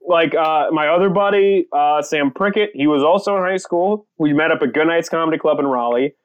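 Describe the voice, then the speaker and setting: Animated, laughing young comedian, higher voice. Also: male voice, brisk, clear, resonant tone, dull audio. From United States. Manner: animated, laughing storyteller, swears freely. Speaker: comedian guest. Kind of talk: casual podcast chat.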